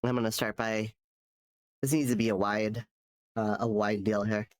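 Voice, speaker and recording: A man with a lowish, fairly level voice talks at a normal speed while live-streaming his drawing. He chats and rambles casually, often restarting sentences, and a cold makes him sound nasal. He is a streamer and artist.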